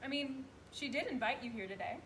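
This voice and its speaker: A woman's voice: high voice, brisk, a bit bright, slight background noise. A young woman on stage playing a blunt, sardonic friend who lays down rules. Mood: wry. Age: late teens. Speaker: student actor. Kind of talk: stage play dialogue. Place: school theater stage.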